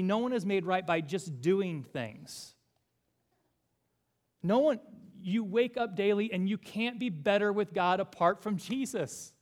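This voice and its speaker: In a church room, a male pastor with a high voice preaches earnestly to his congregation, building intensity through repeated phrases.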